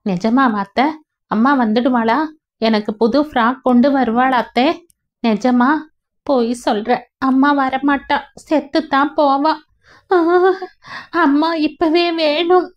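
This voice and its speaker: A woman's voice: sits high, steady tone, takes it slowly, highs cut off, voice pushed up. Woman doing a whiny tearful little girl. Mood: doubtful, tearful. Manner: whiny, insistent questioning. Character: small girl, tearful, pleading for her mother.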